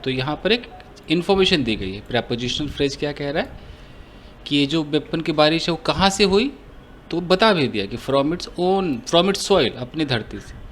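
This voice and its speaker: A man's voice: fairly high pitch, animated, fairly bright tone, a little hiss or hum. A man from India teaching English grammar in Hindi, explaining step by step, asking and answering his own questions. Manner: slows down to read English phrases aloud.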